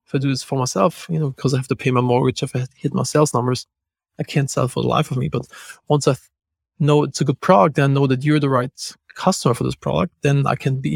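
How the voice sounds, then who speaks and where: A podcast host with a German accent talks fast and loosely, full of restarts and fillers. His mid-range voice is gravelly with a breathy edge, and the recording is dry.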